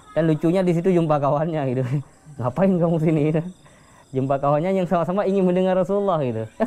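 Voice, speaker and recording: Male religious teacher; warm, slightly raised pitch, chatty storyteller who chuckles. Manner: chatty storyteller, chuckles often, acts out quoted voices. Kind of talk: informal religious lecture with storytelling.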